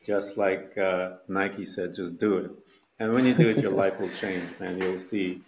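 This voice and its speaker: A man from Guyana hosts the interview, urging listeners on in a motivational way. His voice is very low and gravelly. His pitch stays flat and even. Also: measured pace, background noise. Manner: encouraging, motivational. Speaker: podcast host. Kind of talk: podcast interview.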